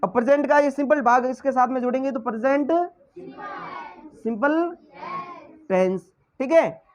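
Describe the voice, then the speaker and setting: A man's voice: very high-pitched, normal speed, slight background noise. A male teacher giving a lesson, quizzing the class with repeated questions and then answering them himself. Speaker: English teacher.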